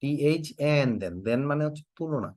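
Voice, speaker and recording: A man's voice: on the high side, animated, normal speed, darkish tone, dry recording, clean studio sound. A man from Bangladesh who teaches English, giving an online class lecture, quizzing his students and often repeating prompts for them to type in their answers. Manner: joking mock threats.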